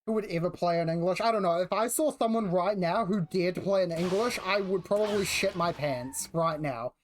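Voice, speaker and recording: A game livestreamer of unclear sex, with a broad New Zealand accent, chats casually while playing, in a brisk, mid-range voice. The talk is slangy and rambling, often cut off mid-thought, with music playing behind it.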